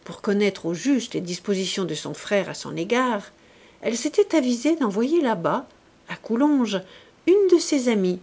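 A woman reading a classic novel aloud as an audiobook narrator, in a measured, even way. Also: medium pitch. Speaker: audiobook reader.

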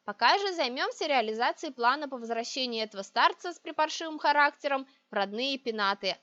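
A woman's voice: sits high, expressive, a little fast, bright, forceful tone. A woman voicing an imperious, sarcastic young sorceress who talks in cold, demanding tones. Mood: cutting. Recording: dry, dull lo-fi recording.

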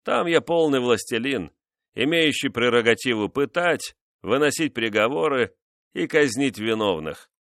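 A man voicing a cruel, vengeful nobleman who mocks his wife in a slow, menacing way. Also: medium pitch, expressive, fairly bright tone, no echo, studio quality, pitched above the performer's own voice. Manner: mocking, menacing, measured.

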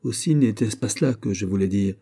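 A man voicing a shrewd, calm bishop who questions his host in a measured, quietly insistent way, in an audiobook reading. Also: on the low side, breathy edge. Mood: smooth. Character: calm, shrewd male bishop, smoothly probing.

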